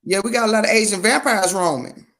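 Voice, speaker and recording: Southern lady chatting on her stream, drawly and jokey, middle pitch. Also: a loud crowd. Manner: chatty, drawling, quick to joke. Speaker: livestream host. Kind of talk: casual livestream chat.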